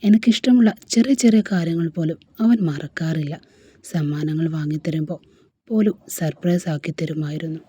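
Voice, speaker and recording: A woman's voice: deep voice, moderate pace, mellow, slightly rough. A woman voicing a heartbroken married woman who pours out her sorrow in a storybook reading. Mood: sorrowful.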